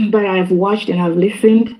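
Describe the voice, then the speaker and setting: A woman from Zimbabwe talks through her views as a guest in a discussion. She sounds thoughtful, with a dark, mellow voice, and she pauses and restarts often. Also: medium pitch, fairly even intonation, rough recording. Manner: thoughtful, hesitant with many fillers and restarts. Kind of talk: casual discussion.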